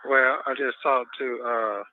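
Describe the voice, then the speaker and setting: A man calling on a payphone line from jail, talking in halting bursts with restarts and fillers. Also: mid-range voice, fairly even intonation, a little hiss or hum. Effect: payphone call from a jail phone. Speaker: inmate caller. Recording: tinny phone line.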